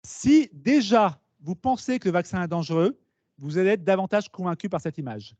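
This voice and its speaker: Lively high-voiced man giving a talk. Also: normal speed, no echo. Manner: lively, explains with asides and questions to the audience. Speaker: speaker at a talk. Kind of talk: conference talk to students. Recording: dull, slightly lo-fi meeting recording.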